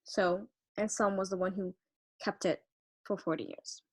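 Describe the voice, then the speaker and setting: A woman's voice: mid-range voice, fairly even intonation, unhurried. A young woman presenting a student research project, talking with many fillers, restarts and stumbles over names.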